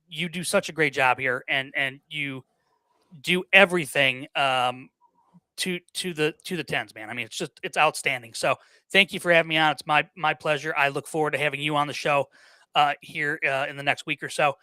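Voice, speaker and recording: A man's voice: on the high side, steady tone, moderate pace, pushed and bright, clear, resonant tone, no echo. A man guesting on a sports podcast, giving opinions in casual chat, often repeating words and using fillers.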